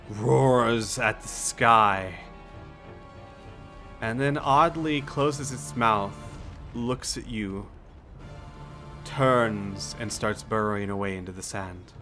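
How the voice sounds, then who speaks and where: A man running a tabletop game in a bright, forward voice. He moves between dramatic narration and casual asides, with music underneath. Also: lowish voice. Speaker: game master.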